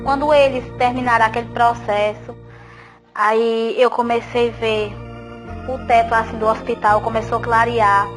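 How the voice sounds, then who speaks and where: A woman tells a religious testimony earnestly and with deep emotion. Her voice sits a little high, and loud background music plays behind her throughout. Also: little pitch movement, normal speed, low-quality recording. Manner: earnest, emotional storytelling with tearful pleas to God. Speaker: testimony giver.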